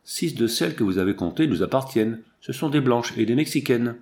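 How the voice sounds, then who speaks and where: A man's voice: medium pitch, expressive, fairly quick, a little mellow, natural voice. A man reading the lines of a solemn father who claims his daughter, in a formal tone. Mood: firm.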